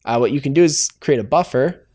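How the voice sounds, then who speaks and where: Hesitant and full of filler sounds, a male tutorial host codes live and thinks aloud in a casual way, frequently correcting himself. He speaks fairly quickly, with a warm, medium-pitched voice.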